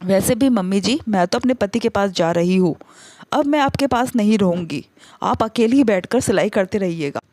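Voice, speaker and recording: A woman's voice: mid-range voice, animated, moderate pace, darkish tone, dry recording, clean studio sound, natural voice. A woman voicing a young working daughter-in-law who speaks politely and turns firm. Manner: polite, respectful address.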